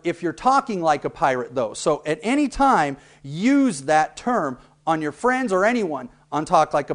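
A man hosting a local cable TV segment, explaining things in a playful, joking way. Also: sits high. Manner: jokey, playfully exaggerated delivery. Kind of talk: humorous explainer monologue.

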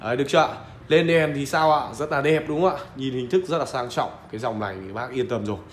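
A man with a Northern Vietnamese accent giving an insistent, repetitive hard-sell pitch as a shop seller showing off a product. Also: fast. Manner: insistent, repetitive, urging buyers. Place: indoor shop room with audio gear. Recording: roomy echo with faint background noise.

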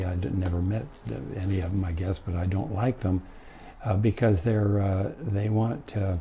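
Halting older man with a low voice. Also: highs cut off, slight background noise. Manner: halting, many uh fillers. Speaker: interviewee. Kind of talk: casual storytelling.

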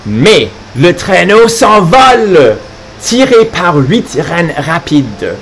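A man reads a children's storybook aloud on a live stream, in a slightly higher, very animated voice. He takes his time and breaks off often to explain words to young learners. His delivery is playful and expressive. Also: drawn-out words, slight background noise. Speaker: French teacher for children.

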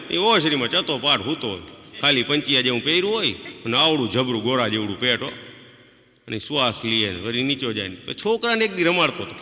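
Performing live stand-up on a stage before an audience, a man tells funny stories and acts out the people he quotes. His mid-range voice is bright and forceful, and the stage recording carries a long reverb.

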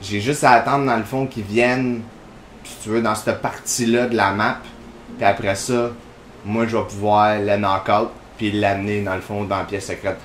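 A man's voice: fairly low pitch, flat delivery, moderate pace, roomy sound, slight background noise. A man with a Quebec French accent, hosting casual gameplay commentary in a chatty, rambling way full of fillers. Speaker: gaming channel host.

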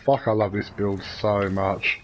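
A young man chatting casually while he plays a shooter, excitable, swearing and laughing, calling out plays to his team. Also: lowish voice, a crowd in the background. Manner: excitable, swears and laughs a lot, gives quick calls. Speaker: gamer recording his play. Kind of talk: casual gaming chat with teammates.

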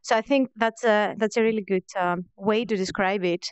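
A woman's voice: mid-range voice, normal speed, clean tone, dry recording, highs cut off. A woman from Greece, hosting a live-streamed online event in casual chat, hesitant and repeating words. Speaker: event host. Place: online virtual world event, home mic.

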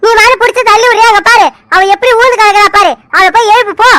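Woman playing a quarrelsome cartoon aunt, sharp-tongued, very high pitch, bright tone. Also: steady tone, fast, no room sound. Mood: angry scolding. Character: quarrelsome scolding aunt in a joint family. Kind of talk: homemade animated family drama.

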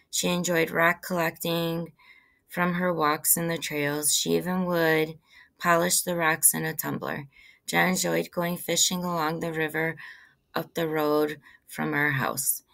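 Grieving young woman, measured, heartfelt, low voice, gravelly edge, read by a woman. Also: fairly bright tone, exaggerated voice.

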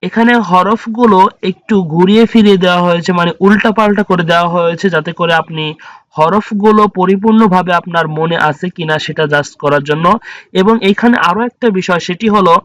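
A man teaching Quran reading, patiently spelling out letters and their vowel sounds one by one in a slow drill. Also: sits high, a bit bright, no echo. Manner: patient, drawn-out letter-by-letter recitation.

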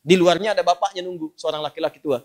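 With a high-pitched voice and quick pace, a male Islamic preacher dramatizes a story in his sermon, performing the scenes and testing the audience with questions.

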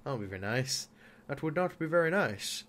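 Playing a game for a casual Let's Play, a young gaming YouTuber keeps up loose, joking, animated commentary at a brisk clip in an ordinary mid-pitched voice. He chats to his Sim, coaxing the character along, and bursts out with sudden loud exclamations.

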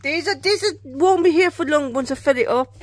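Brief: young British woman, high bright voice, rambling home vlog co-host, talks to the camera. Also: brisk. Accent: British English. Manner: chatty, rambling, self-correcting. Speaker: channel co-host. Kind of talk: casual collection vlog. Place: home room with game shelves.

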